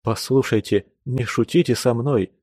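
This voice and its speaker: A man's voice: medium pitch, normal speed, darkish tone, no room sound, studio quality, lightly acted. A man reading an audiobook, voicing an impulsive, eager young man who pleads his case. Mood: pleading.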